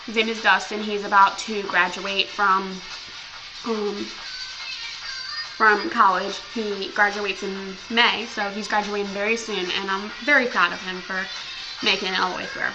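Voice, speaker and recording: A woman's voice: medium pitch, little pitch movement, a little slow, highs cut off, over music. A young American woman vlogging casually at home, chatty and full of ums and likes. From United States. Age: young adult. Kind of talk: casual chat.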